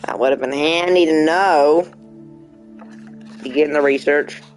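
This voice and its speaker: A man's voice: on the high side, fairly even intonation, unhurried, faint music behind. A young man streaming a game, chatting casually and talking back to the game in mock frustration. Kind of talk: casual live gameplay commentary.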